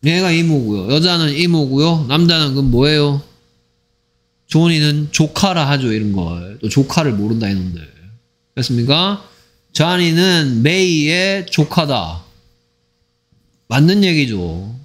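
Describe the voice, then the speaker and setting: A man teaching an English lesson for a school exam. He speaks Korean with a Korean accent, draws out English phrases slowly and keeps asking whether the class has followed. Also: a little high, very animated. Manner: repeats "됐습니까?" to check understanding; slow, drawn-out delivery of English phrases.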